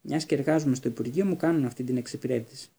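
A man voicing a worried, grim middle-aged father, with a husky, mellow voice. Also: medium pitch. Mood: measured. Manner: grim, tense.

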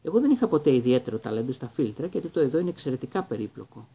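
A man voicing a calm, kindly male teacher who speaks gently and sounds a little tired, in a Greek audiobook reading. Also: medium pitch, slight background noise. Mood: gentle.

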